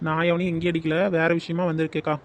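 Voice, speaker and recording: Casual: guy doing a pushy young village dude in a cartoon, super fast talker, always bossing. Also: a little high, monotone, a little hiss or hum, natural voice. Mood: placating. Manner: bossy, rapid-fire demands. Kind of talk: dubbed cartoon dialogue.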